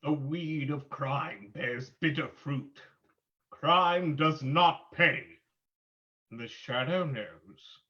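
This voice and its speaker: A man's voice: a little high, extremely slow, pushed and bright, heavily acted. A man playing a stern, commanding crime-fighting hero in a dramatic old-time radio drama reading. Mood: grave. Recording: dull lo-fi sound.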